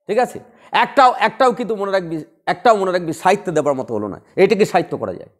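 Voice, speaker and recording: High-voiced playful Bengali tutor. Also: male voice, lively intonation, fast. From West Bengal. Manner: playful, laughing, acts out quarrels and recites verse. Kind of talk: classroom lecture on poetic rhythm.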